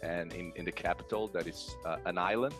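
A man's voice: low voice, a little fast, over music. A man from Brazil chatting casually on a headset mic about where he lives. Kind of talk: casual video introduction.

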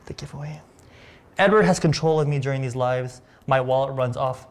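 A man's voice: medium pitch, a little fast. A man in his thirties, a makeup artist hosting a beauty livestream, chatting and teasing casually in a studio. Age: 30s. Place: bright studio set.

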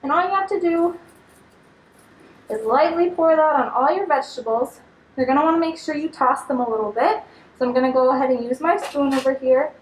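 A young woman with a high voice gives an upbeat, instructive cooking demonstration in a large indoor studio kitchen, talking briskly as she handles food. The kitchen is echoey, the mic is a bit distant, and there's slight background noise.

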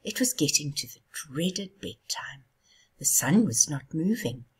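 A woman reading a children's story aloud in a soft, hushed, half-whispered way. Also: sits low, animated, unhurried, husky. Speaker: storybook reader.

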